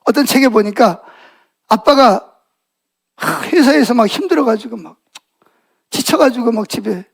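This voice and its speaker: A man's voice: very high-pitched, animated, measured pace, vocal fry, slightly rough. A middle-aged male pastor giving a Sunday morning sermon in a church, telling stories animatedly and asking the congregation questions. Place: church sanctuary.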